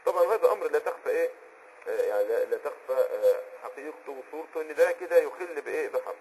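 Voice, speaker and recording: A man with an Egyptian accent teaching Islamic jurisprudence in a conversational explanatory lesson, often pausing on a filler word while he hunts for a term and checking that the listener is following. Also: on the high side, lively intonation, a little mellow, a little hiss or hum, poor audio. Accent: Egyptian Arabic. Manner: checks on the listener with quick asides.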